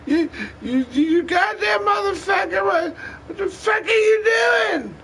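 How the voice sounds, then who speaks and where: A man's voice: very high voice, measured pace, creaky, a bit bright, a little hiss or hum, pitched above the performer's own voice, full character voice. A man putting on a drunk, furious woman who screeches curses and threats. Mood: furious shrieking. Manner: screeching, cursing wildly.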